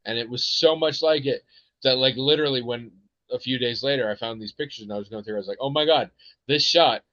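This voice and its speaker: A podcast host with an American accent chats casually in a mid-range voice that's brisk and a bit bright. The recording is muffled with no echo, and his talk is rambling and hesitant, full of fillers and restarts.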